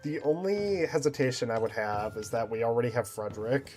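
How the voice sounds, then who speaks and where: A man's voice: medium pitch, a little fast, a little mellow, soft background music. A man casually chatting on a game livestream, thinking aloud and laughing often. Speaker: game streamer.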